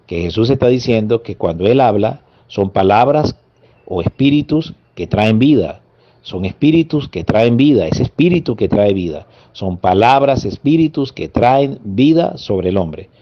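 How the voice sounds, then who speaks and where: Low-voiced preacher man, lo-fi sound. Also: expressive. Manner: earnest, slow emphatic lists with pauses. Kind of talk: sermon. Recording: dull lo-fi audio.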